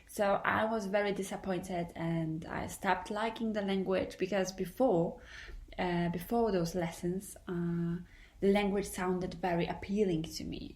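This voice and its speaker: On her solo podcast, a young adult Polish-accented English teacher talks carefully and earnestly, in a slightly formal way. Her voice sits on the low side.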